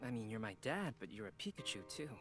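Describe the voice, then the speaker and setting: A man's voice: on the low side, big pitch swings, fast talker. A man playing an earnest young son in video game cutscene dialogue. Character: earnest young man reunited with his father. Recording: music behind the voice.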